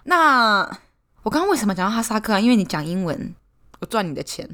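A woman's voice: mid-range voice, very animated, fast talker, bright, forceful tone. A young woman with a Taiwanese Mandarin accent hosting a podcast, teasing her guest and laughing often in casual chat. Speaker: podcast host.

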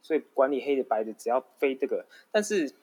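A man chats casually in a group. His mid-pitched voice is a little husky, and he speaks in a halting way, often repeating words. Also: very animated, warm tone.

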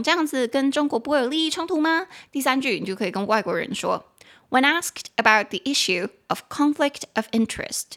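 Woman, young adult, podcast English teacher, chatty, mixes languages, slightly high voice. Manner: chatty and animated, mixing English phrases into Mandarin and spelling words out. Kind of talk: casual explanatory podcast lesson.

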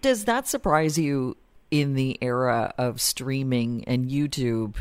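A woman interviewer asking prepared, measured questions. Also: very deep voice, lively intonation, a little mellow, clean tone, no room sound.

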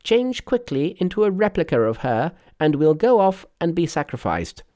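High, bossy trickster monkey. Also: male voice, big pitch swings, dark tone. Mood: bossy, urging. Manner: brisk, commanding, scolding.

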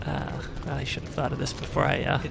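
A man's voice: medium pitch, completely flat delivery, a little fast, gravelly, noisy background. A man narrating a tabletop fantasy game as the game master.

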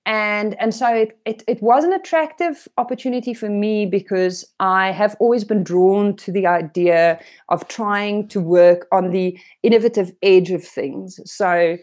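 A woman's voice: mid-range voice, unhurried, hardly any pauses, a little mellow. A woman with an Afrikaans South African accent, a native Afrikaans speaker, telling her story candidly and emphatically as an interview guest. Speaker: interview guest, sports and radio broadcaster. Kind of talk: reflective conversational interview storytelling.

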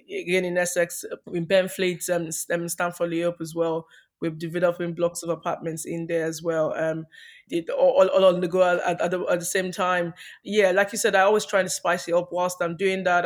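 A woman answers questions in a casual interview. Her pitch moves little, giving an even delivery. She is upbeat but hesitant, often repeating words mid-sentence. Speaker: podcast guest, property developer.

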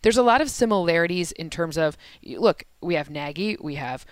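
Woman talking football numbers, smooth clear voice, kinda low, dry mic, corrects herself a lot. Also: animated, dry recording. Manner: rapid stat-heavy analysis, laughs easily, self-corrects. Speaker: sports podcast co-host and analyst. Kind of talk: casual sports analysis chat.

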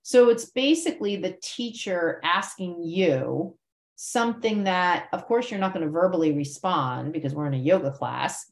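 Woman yoga trainer, low voice, conversational, roomy echo. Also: animated, moderate pace. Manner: conversational, uses vocal inflection to demonstrate cues. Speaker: yoga teacher trainer, podcast host. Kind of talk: teaching talk.

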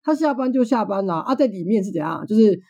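Fast-talking husky young woman. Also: medium pitch. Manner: blunt, swears freely, animated storytelling. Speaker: podcast host. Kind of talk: casual chat.

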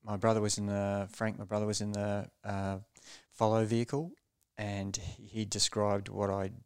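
A man recalls his racing days as a podcast guest, speaking in a measured, low-key way. His voice sits low and stays flat and even. It comes through smooth and resonant in a dry, close recording. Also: dry recording. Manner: measured and low-key, often restarting phrases. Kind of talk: reflective storytelling in a podcast interview.

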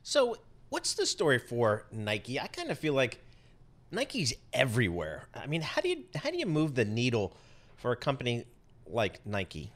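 A man co-hosting a business show, asking casual questions with quick asides. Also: medium pitch, huge pitch swings, a bit bright. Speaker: co-host.

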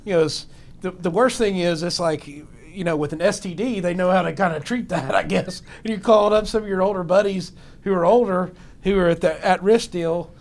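A man's voice: high-pitched, brisk, darkish tone. A man chatting as a guest, joking and laughing as he talks. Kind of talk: casual chat.

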